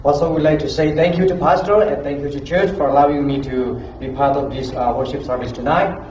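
A man from Myanmar with a Burmese accent and non-native, somewhat halting English, giving a missionary testimony to a church congregation. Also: on the high side, steady tone, darkish tone. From Myanmar, Chin State. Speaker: missionary preacher, guest speaker. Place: indoors in an echoey church. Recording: echoey room, dull muffled sound, faint noise.

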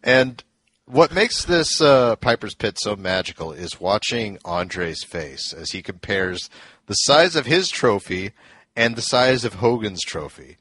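Guy with a lowish voice rambling through a story, lots of uh and you know, dry close mic. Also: big pitch swings, measured pace, a bit bright, dry recording. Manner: loose storytelling with many fillers and restarts. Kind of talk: casual wrestling history chat.

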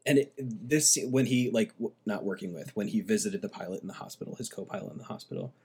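Man, fairly low voice, casual film review, opinionated. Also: quick pace, a little mellow, breathy edge. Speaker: podcast co-host.

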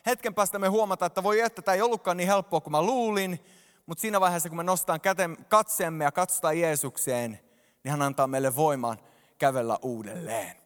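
Male pastor, higher voice, animated sermon, church hall echo. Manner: animated, addresses congregation directly. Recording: long hall reverb.

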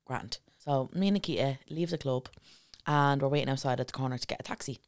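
A woman co-hosts a casual podcast, racing through a funny story at a brisk clip. She acts out everyone's lines and swears freely. Her voice sits close and dry on the mic. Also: very deep voice, smooth, no room sound. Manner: animated storyteller acting out quotes, swears freely. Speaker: podcast co-host.

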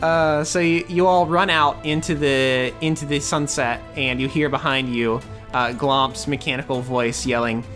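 A man's voice: mid-range voice, unhurried, few pauses, soft background music. Laid-back male game master. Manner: relaxed, hesitant, full of fillers. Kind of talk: narrating a tabletop game.

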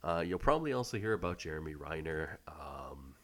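A male podcast host with a nasal, congested voice, giving a halting, casual announcement full of filler sounds. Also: a bass voice, very animated, fairly bright tone. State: congested from illness.

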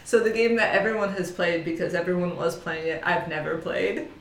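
A woman co-hosting a casual chat show, with wry, deadpan teasing. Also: lowish voice, brisk. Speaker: podcast co-host. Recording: roomy echo.

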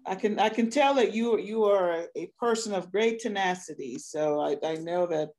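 A woman interviewing a guest, encouraging and warm in her replies, asking long, rambling questions with many restarts. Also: mid-range voice, moderate pace.

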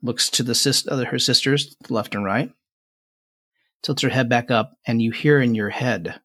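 A man improvising descriptive narration as game master of a tabletop fantasy game, often halting and rephrasing as he goes. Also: mid-range voice, a bit bright, husky.

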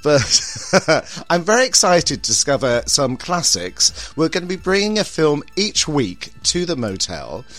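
A man's voice: a little high, sing-song, a little slow, a bit bright. A man with a campy, theatrical drag queen manner, gushing and full of endearments as he co-hosts a podcast. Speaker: podcast co-host and drag queen horror presenter. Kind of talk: podcast banter and show introduction.

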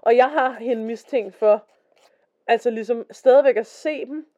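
Chatting and reading stories on a casual podcast, this co-host has a warm voice pitched on the high side. She shifts to a slower voice for quotes. The podcast recording is lo-fi and dull.

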